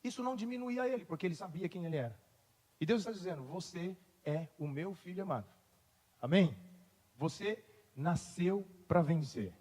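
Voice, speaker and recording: A man's voice: sits high, lively intonation, normal speed, darkish tone, husky. A man, a pastor preaching a sermon, moving from conversational storytelling to emphatic declarations. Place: church. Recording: long reverb in a church hall.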